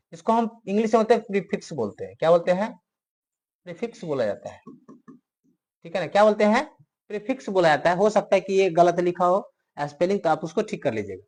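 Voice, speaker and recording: Male teacher drilling a class. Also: sits high. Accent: Hindi-speaking north Indian. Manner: repetitive question-and-answer drilling; answers his own questions for the class. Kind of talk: classroom lecture.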